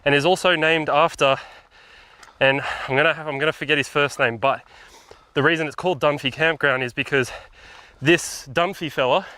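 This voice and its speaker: A man's voice: on the high side, steady tone, normal speed, sharp tone, clean tone, dry recording. A man chatting as a podcast guest on a bush hike, laid-back and self-deprecating, a little out of breath. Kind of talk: casual chat while hiking. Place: outdoors on a bush hiking trail.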